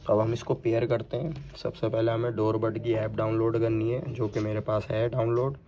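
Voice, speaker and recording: A man from India gives an unscripted, hands-on installation demo of a product, explaining each step and mixing English technical terms into his speech. His voice is lowish, dark and level, at a normal speed.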